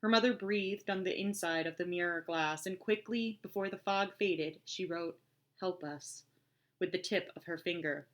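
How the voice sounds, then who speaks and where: Measured, storytelling woman narrator. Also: lowish voice. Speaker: audiobook reader. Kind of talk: scripted narration.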